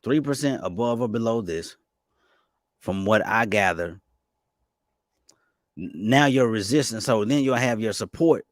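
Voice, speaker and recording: A man giving casual, fast-talking commentary on stocks and crypto, excitable and stumbling over restarts. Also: fairly low pitch, no room sound, studio quality. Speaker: finance YouTuber.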